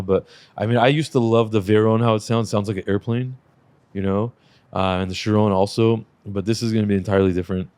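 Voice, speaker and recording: A man hosting a car podcast in casual chat, relaxed and swearing freely, laughing often. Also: on the low side, no echo. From Lebanese Armenian family. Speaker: podcast host.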